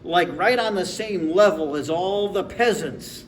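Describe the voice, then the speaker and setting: A man's voice: sits high, a little slow, slight background noise. A man in his forties preaching a sermon in a conversational, humorous storytelling way. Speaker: pastor. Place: church sanctuary. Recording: echoey room with faint ambience.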